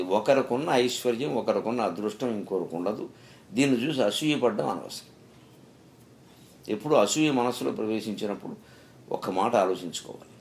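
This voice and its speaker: A middle-aged man giving a spiritual discourse, telling stories and asking rhetorical questions with emphatic rises. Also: fairly low pitch. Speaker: spiritual speaker.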